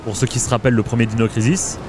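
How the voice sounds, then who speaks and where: A man's voice: mid-range voice, little pitch movement, racing, background noise. A man giving casual, hesitant gameplay commentary with many filler sounds. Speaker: let's play gamer. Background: game music.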